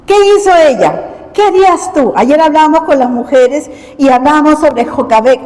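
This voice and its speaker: High-voiced Peruvian woman preaching. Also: a little mellow. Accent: Peruvian Spanish. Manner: rhetorical questions to the congregation, frequent restarts. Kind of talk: sermon. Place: church hall. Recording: long hall reverb.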